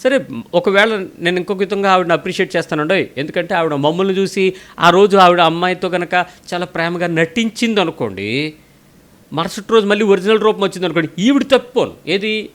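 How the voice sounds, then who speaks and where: A man's voice: high voice, fast talker, fairly bright tone. A man preaching a sermon, telling a story and quoting its people, pressing hard with questions aimed at the listener. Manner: tells a story and quotes the people in it.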